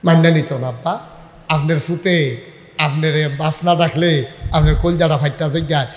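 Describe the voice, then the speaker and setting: High-pitched guy preaching loud at a crowd, lots of shouting, big echoey hall with long reverb. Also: level tone, a little fast. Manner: calls and answers with the audience. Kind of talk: sermon.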